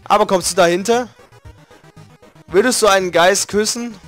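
A flamboyant male robot hosts a deadly quiz show in a video game, announcing every question with theatrical flair, voiced by a man. The voice sits fairly high for a man, with game music faintly underneath. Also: moderate pace, fairly bright tone. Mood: showy, menacing. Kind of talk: reading game dialogue aloud.

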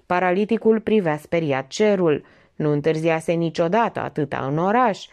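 A woman narrating an audiobook with an expressive, steady reading. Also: lowish voice. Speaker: audiobook reader.

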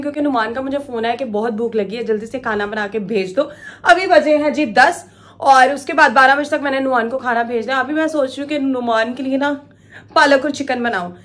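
Hoarse woman chatting through a cooking vlog. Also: high-pitched, rough recording. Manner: chatty, often adds a polite "okay ji". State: hoarse from a sore throat. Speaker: vlogger. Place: home kitchen. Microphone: handheld phone.

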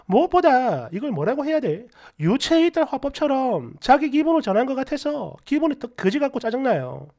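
A woman's voice: sits high, very animated, brisk, few pauses, dark tone. A woman in her thirties narrating a first-person story, indignant and sarcastic.

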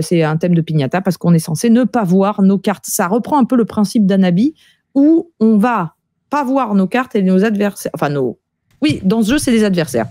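A woman's voice: medium pitch, warm tone, dry recording, clean studio sound. A woman co-hosting a casual podcast chat about board game news, talking freely with many hesitant fillers. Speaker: podcast co-host.

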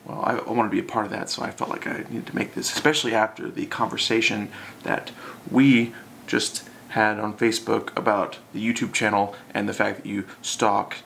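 Low-ish, creaky, yet a little bright, a young adult man's voice carries his drunken, meandering chat to the camera, like a video message to a friend, from a small indoor bedroom with some faint background noise.

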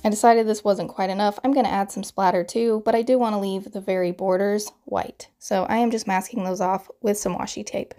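A woman's voice: medium pitch, steady tone, brisk, few pauses, dark tone. A woman in her thirties with a crackly morning voice, chattily narrating a card-making tutorial voiceover and explaining each step.

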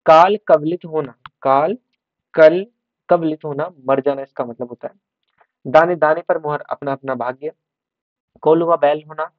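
A male teacher running a brisk exam revision lesson, drilling words and spellings and checking in with "ठीक है" as he goes. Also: a little high, dry recording. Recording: tinny phone-like sound.

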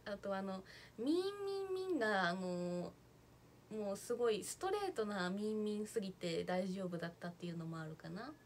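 A young woman talks casually to her livestream viewers, thanking them by name as their comments come in. She chats in an easy, rambling way at a mid pitch. A faint hiss of background noise sits under her voice. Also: lively intonation, normal speed. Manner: chatty, reads viewer comments aloud. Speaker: idol livestreamer.

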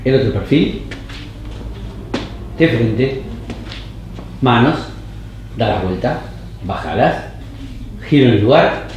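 A man directing actors on a casting tape with short, calm, even commands. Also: mid-range voice, takes it slowly, long pauses, a little hiss or hum. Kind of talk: giving short camera directions. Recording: roomy echoey studio.

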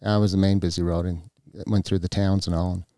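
A middle-aged man telling a personal story on a podcast, halting, with many restarts and fillers. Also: deep voice, flat delivery, mellow, no room sound, studio quality. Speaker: guest. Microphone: podcast mic.

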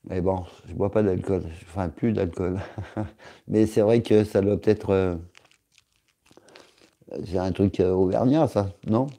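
A male streamer talks loosely to his viewers, filling gaps with hesitations and teasing jokes. His voice sits low and sounds deeply warm and dark. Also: steady tone, unhurried, long pauses. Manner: rambling, joking, many hesitations. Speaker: live streamer reading chat. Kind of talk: casual live-stream chat.

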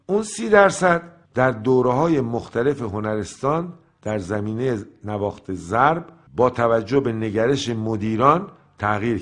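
An older man teaching a lecture on Persian music rhythm, counting beats aloud and vocalizing rhythmic syllables between explanations. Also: fairly low pitch.

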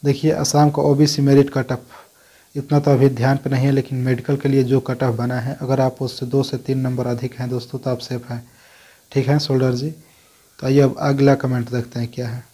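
A man's voice: mid-range voice, flat delivery, normal speed, dark tone, slightly rough. A man hosting a casual talk in which he answers viewer questions. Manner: conversational, repeats "dekhiye" and "dosto" often. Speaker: host answering viewer comments.

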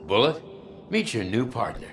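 An actor voicing a gruff male superior officer in a video game, speaking curtly. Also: mid-range voice, very animated, normal speed, a crowd in the background, lightly acted. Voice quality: gruff, curt. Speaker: game character.

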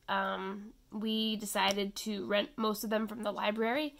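A homeschool channel host in her thirties, congested from a head cold, chats through a stack of children's books in a small home schoolroom indoors, with many ums and restarts. She speaks unhurriedly in a mid-range, steady, slightly bright voice with vocal fry, on a dry recording.

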